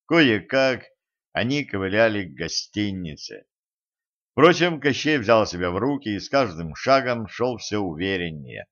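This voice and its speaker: An audiobook reader with a fairly low male voice, narrating in a steady, even way. The recording sounds dull and lo-fi, with the top end cut away. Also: measured pace. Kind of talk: scripted narration.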